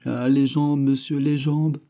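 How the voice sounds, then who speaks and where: A man voicing a fat, elderly, sentimental male servant who speaks in excitable, plaintive exclamations. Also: medium pitch, a little slow, pitched above the performer's own voice, natural voice.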